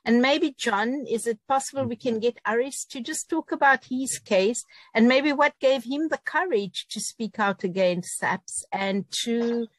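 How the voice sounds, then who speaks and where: A woman's voice: fairly high pitch, unhurried, dry recording, low-quality recording. Earnest woman on a dry video call. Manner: earnest, with frequent ums. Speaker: whistle-blower panelist. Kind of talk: conversational panel talk on a video call.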